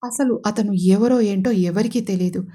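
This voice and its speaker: A woman storyteller reads a romantic drama aloud. Her voice is warm and mellow, and her delivery is steady and expressive. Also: mid-range voice, normal speed. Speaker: narrator and writer. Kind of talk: storytelling narration.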